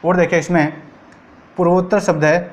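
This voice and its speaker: A man's voice: high voice, flat delivery, brisk, lo-fi sound. A man teaching a grammar lesson for exam prep, asking and answering his own questions.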